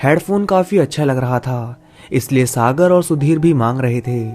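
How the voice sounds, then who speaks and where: A man narrating a first-person horror story in a steady, dramatic storytelling manner. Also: mid-range voice, moderate pace, soft background music.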